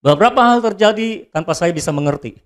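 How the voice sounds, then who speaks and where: A man preaching a sermon as a pastor, swinging between loud high calls and soft low asides. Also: lively intonation, fast.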